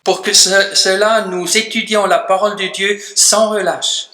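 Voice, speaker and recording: A man preaching a sermon as pastor, emphatic, his voice dropping low and soft at the ends of phrases. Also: fairly even intonation, a little slow. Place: church hall. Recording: echoey church room.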